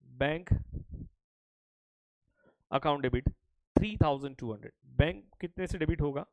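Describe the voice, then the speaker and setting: A man from India teaching an accounting lecture live, teasing students and repeating questions to urge quick answers. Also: fairly high pitch, vocal fry, no echo, poor audio. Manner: mixes Hindi with English accounting terms. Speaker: commerce teacher.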